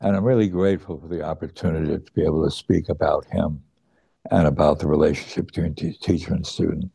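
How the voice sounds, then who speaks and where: A middle-aged man with a very low voice and a gravelly edge recounts a personal memory. He speaks slowly and reflectively, with hesitant pauses and a few restarted words. His tone is dark and mellow. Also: fairly even intonation. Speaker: student recounting his teacher's death. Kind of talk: personal storytelling.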